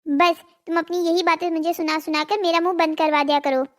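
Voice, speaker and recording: A woman's voice: very high-pitched, steady tone, a little fast. A woman voicing a greedy, nagging village wife in a cartoon drama, scolding and pleading. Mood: complaining.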